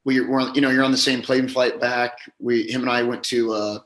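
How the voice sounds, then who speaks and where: A man who is losing his voice, slightly hoarse, chatting casually as a pro athlete being interviewed. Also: medium pitch, flat delivery, brisk, a bit bright, echoey room. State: hoarse, voice a little gone. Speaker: professional golfer, podcast guest. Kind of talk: casual chat.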